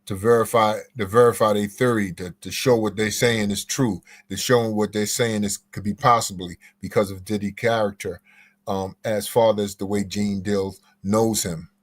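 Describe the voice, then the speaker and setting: Low-voiced guy breaking things down on a podcast, measured, repeats himself to make a point. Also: fairly even intonation. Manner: measured, explains step by step, repeats phrases for emphasis. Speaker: guest legal commentator. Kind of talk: podcast interview answers.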